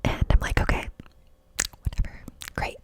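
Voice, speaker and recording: A fully whispered voice, cupped by the hands close to the microphone. The speaker tells a personal story in a chatty, rambling ASMR style, breathy and unvoiced throughout. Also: moderate pace. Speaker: ASMR video creator.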